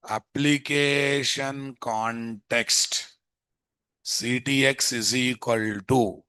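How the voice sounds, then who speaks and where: Through an indoor screen-share session, a Telugu-accented Indian man teaches programming live, dictating notes, repeating lines, and asking tag questions to keep listeners engaged. His mid-range voice sounds sharp yet smooth, recorded clean in studio quality without echo.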